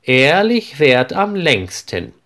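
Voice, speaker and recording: A man voicing a kind middle-aged aunt in a storybook reading, speaking calmly and reassuringly, at an unhurried pace. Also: a little high, pitched above the performer's own voice, exaggerated voice. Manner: calm, reassuring advice.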